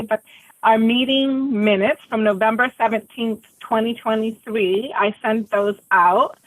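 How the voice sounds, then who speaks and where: A woman's voice: mid-range voice, rough recording. Friendly woman chairing an online meeting. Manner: friendly, welcoming. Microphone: video call.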